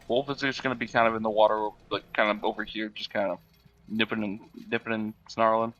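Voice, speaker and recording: A man's voice: fairly low pitch, level tone, fairly quick, a bit bright. Hesitant man with muffled lo-fi audio. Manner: hesitant, filler-heavy, sheepish. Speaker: player. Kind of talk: tabletop game play. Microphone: online call microphone.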